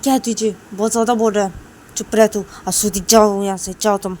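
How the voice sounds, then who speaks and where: A woman voicing a quick-tempered young older sister who scolds loudly and stammers through flustered denials. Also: a little high, lively intonation, a little hiss or hum, pitched above the performer's own voice. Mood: angry.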